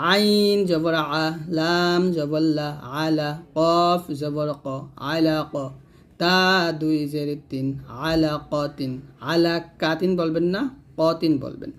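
A man teaching Quran reading, spelling out each letter and vowel mark slowly, then joining them and pointing out common mistakes. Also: on the high side, steady tone. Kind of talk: slow syllable-by-syllable spelling lesson.

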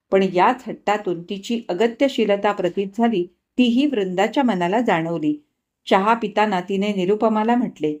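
A woman narrating a novel in a calm, measured storytelling manner. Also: medium pitch. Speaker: audiobook narrator.

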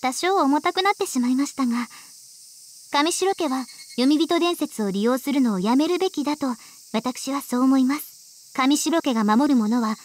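A woman with a high-pitched voice plays a refined, proud teenage heiress in a Japanese visual novel game, using formal, ladylike and polite phrasing.

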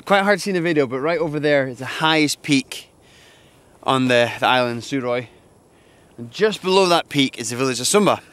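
A man's voice: mid-range voice, expressive, brisk, fairly bright tone. A young man with a cold, a landscape photographer enthusiastically talking through his plans to camera on a windy hilltop. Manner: enthusiastic, thinking aloud. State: has a cold. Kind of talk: outdoor vlog narration. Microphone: camera mic, hand-held close and far camera. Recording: wind noise on outdoor mic.

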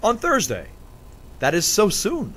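Brief: a man doing a concerned older friar, earnest, lively in pitch. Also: measured pace, slightly rough, full character voice. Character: worried elderly friar, gentle priest.

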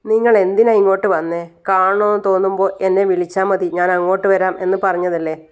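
A woman's voice: mid-range voice, fairly even intonation, brisk, clean tone, natural voice. Woman doing a scolding young daughter. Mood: reproachful.

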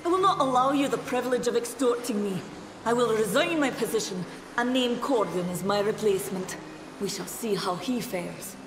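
Woman playing haughty gnome scholar, highish, echoing. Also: close to an everyday voice. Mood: bitter, defiant. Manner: formal, measured, imperious. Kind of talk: video game character dialogue. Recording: echoey hall reverb, noisy ambience.

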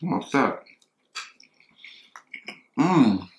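A man's voice: medium pitch, very animated, extremely slow, echoey room, lo-fi sound, slight background noise. A man, rambling casually to viewers while eating in his kitchen. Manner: chatty, rambling, talks to viewers as y'all. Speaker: mukbang vlogger. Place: kitchen at home.

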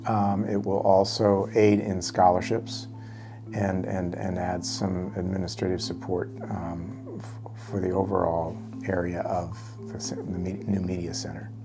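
A middle-aged man answering interview questions in an office, halting with many fillers and restarts. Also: low voice, little pitch movement. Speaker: university fundraiser interviewee. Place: office indoors. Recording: background music.

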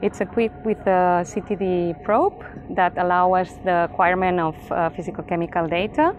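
Low-pitched woman explaining a water sampler. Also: steady tone, normal speed, narrow, tinny audio, a little hiss or hum. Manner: careful, technical. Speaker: research scientist. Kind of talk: demonstrating equipment.

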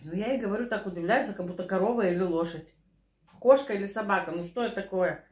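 A woman's voice: mid-range voice, fast talker. Middle-aged woman in casual echoey table talk. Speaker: mukbang vlogger. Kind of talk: casual chat over a meal. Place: small living room at home, indoors. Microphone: camera across the table. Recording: roomy home room, clinking cutlery and dishes. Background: cutlery and dishes.

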